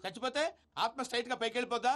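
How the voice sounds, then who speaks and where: An actor playing a bossy, quick-talking father who speaks in a brisk, scolding way in a comic film. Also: very high voice, little pitch movement, background noise. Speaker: father and husband.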